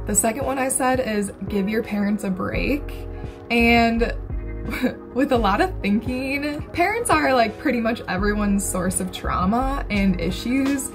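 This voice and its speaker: A woman in her twenties talking to camera in a candid, chatty way, swearing casually now and then. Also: fairly high pitch. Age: 20s. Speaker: vlogger. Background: background music.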